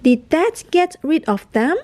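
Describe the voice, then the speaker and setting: A woman's voice: sits high, big pitch swings, unhurried, darkish tone, no room sound, pitched above the performer's own voice. A woman voicing a confident young girl giving instructions in a children's storybook reading. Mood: instructing. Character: bossy clever young girl.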